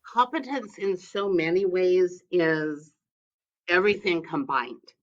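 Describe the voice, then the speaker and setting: Woman with a lowish voice, chatty and emphatic, telling teaching stories, kinda dull lo-fi sound. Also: slow. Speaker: guest instructional specialist. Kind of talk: podcast interview.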